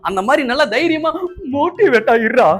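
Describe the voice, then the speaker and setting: A man's voice: extremely high pitch, animated, fairly quick, fairly bright tone. Comic voice-over man, whiny and mock-dramatic, over music. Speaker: troll video voice-over artist.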